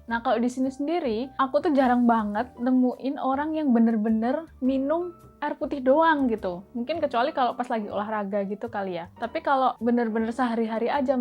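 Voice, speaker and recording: A woman's voice: a little high, dull audio. Young woman from indonesia chatting to the camera, lots of nah and gitu, light music in the back. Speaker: vlogger living abroad. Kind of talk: casual direct-to-camera vlog.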